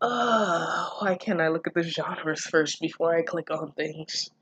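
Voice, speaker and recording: A woman with a slightly low, fairly bright voice and a breathy edge reads fan fiction aloud as a host, reacting casually. She giggles and breaks off to comment, sounding incredulous and self-deprecating, with swearing as commentary. The recording is close and dry, with no echo.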